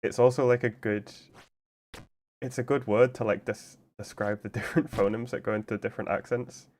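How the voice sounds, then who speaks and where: A man with a fairly low voice chats casually while streaming a game. He explains things at length in a loose, rambling way, leaning on "like" and restarting his sentences. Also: fairly even intonation, moderate pace, a little mellow. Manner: rambling, explanatory, heavy use of "like".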